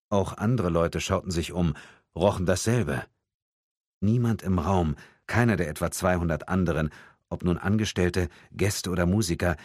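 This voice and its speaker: A man reading an audiobook in a measured, tense storytelling manner. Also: low-pitched, a little mellow, no echo, clean studio sound. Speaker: audiobook narrator. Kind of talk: scripted audiobook narration.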